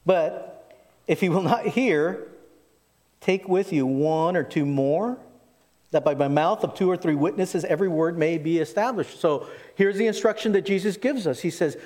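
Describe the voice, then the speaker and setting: A man's voice: high voice, animated, a little slow, a little mellow. Man preaching at a pulpit microphone, reverberant hall. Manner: conversational, emphatic repetition, rhetorical questions to listeners. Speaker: pastor preaching to a congregation. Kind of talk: sermon, expository Bible preaching. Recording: reverberant hall, long echo.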